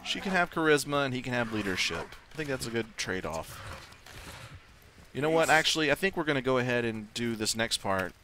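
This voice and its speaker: A man's voice: mid-range voice, animated, a little fast, sharp tone, a little hiss or hum. A man giving casual let's-play commentary, thinking aloud and swearing offhandedly. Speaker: gaming video host. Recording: faint game sound behind voice. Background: video game ambience.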